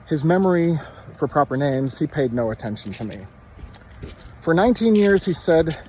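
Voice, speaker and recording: Man reciting by rote, higher-pitched voice. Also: a little mellow, a little hiss or hum, low-quality recording. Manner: reciting by rote in short measured phrases. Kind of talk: literary recitation from memory.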